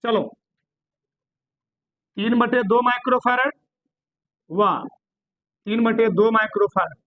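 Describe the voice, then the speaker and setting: A man a very high voice teaches physics in a classroom. He keeps asking his students questions and gently scolds them as he works. The sound is dry and close, no room echo. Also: slow pace, highs cut off. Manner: drills students with repeated questions, scolds lightly. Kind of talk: classroom lesson solving problems on a board.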